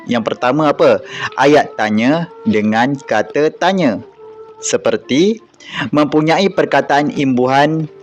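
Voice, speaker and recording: A man with a Malaysian Malay accent teaching an online class, reading example sentences aloud slowly and patiently. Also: medium pitch. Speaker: religious school teacher.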